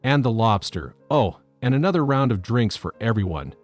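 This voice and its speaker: A man's voice: medium pitch, very animated, moderate pace, faint music behind. A man narrating the lines of a smug, pushy male cousin in a story. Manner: smirking, pushy.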